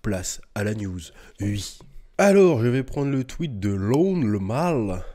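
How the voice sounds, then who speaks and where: A man's voice: on the low side, slow pace. A man hosting a casual news reaction video, talking informally and ranting with indignant outbursts. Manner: animated, ranting, rising to indignant peaks; informal slang and swearing. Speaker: host.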